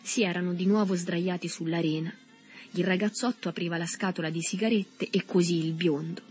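A woman narrating a novel with a steady literary reading. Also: on the low side, brisk, soft background music.

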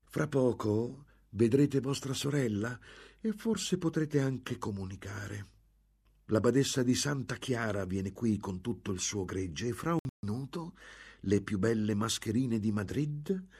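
A man's voice: mid-range voice, animated, unhurried, darkish tone, husky, voice pushed up. A man voicing a sly, cool-headed nobleman who talks in a wry, conspiratorial way.

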